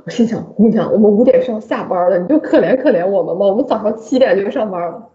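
A woman's voice: medium pitch, lively intonation, fast talker, warm tone. A woman, a doctor and podcast co-host, telling a story from work in a casual chat, laughing often as she goes. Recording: roomy, slightly dull recording.

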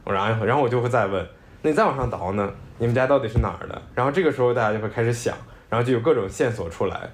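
A man's voice: mid-range voice, racing. A man co-hosting a podcast, reflectively telling a family story in casual conversation. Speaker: podcast co-host. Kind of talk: casual chat.

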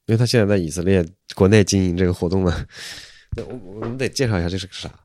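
Man, very deep voice, blunt matter-of-fact podcast co-host, dry close sound. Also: quick pace, a little mellow, dry recording. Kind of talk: casual chat.

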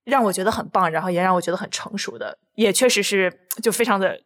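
Animated woman retelling film scenes. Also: mid-range voice, fast talker. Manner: animated storytelling, acts out scenes with sound words. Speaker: podcast co-host. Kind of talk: casual film discussion.

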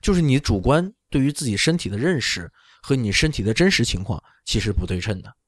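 On a talk show, a middle-aged orthopedic doctor gives a casual medical explanation, frequently checking in with "right?". He speaks at a medium pitch, expressive and brisk, and Chinese is not his first language. The sound is fairly dry.

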